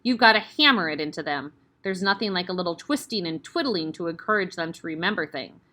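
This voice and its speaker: A woman's voice: fairly low pitch, animated, a little fast, sharp tone. A woman putting on Miss Trunchbull, a barking tyrant headmistress. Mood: bullying. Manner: barking, snapping, contemptuous. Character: huge bullying tyrant headmistress, older woman.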